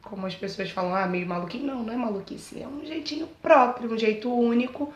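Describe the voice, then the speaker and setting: A woman's voice: fairly high pitch, fast talker, echoey room, muffled recording. A Brazilian woman talking casually and earnestly about her own life, often checking that listeners understand. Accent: Brazilian Portuguese. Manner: chatty, keeps asking "entendeu?"; earnest and pleading when addressing teachers. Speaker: vlogger speaking about her dyslexia. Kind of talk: casual personal talk to camera.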